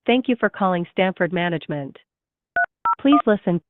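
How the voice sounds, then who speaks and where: A woman's recorded automated phone menu message, announcing options slowly and politely, heard through a phone call. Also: on the low side, expressive, heavy background noise. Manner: slow, measured, polite announcing. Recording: tinny dry phone line.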